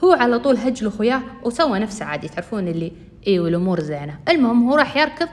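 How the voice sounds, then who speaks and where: A woman's voice: on the high side, big pitch swings, racing. A young woman telling a first-person story, chatting directly to her listeners.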